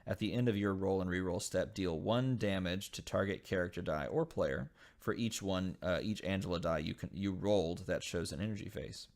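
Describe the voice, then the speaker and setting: A man hosting a casual unboxing video, reading game card text aloud and thinking over each card with frequent pauses. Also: low voice. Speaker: channel host opening dice game packs.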